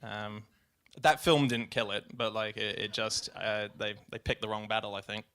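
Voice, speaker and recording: A man's voice: on the low side, steady tone, moderate pace, a bit bright, clear, resonant tone. Rambling young man on stage. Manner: rambling, stop-start, laughing asides. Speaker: guest filmmaker. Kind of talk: live on-stage conversation. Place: stage at a film festival event.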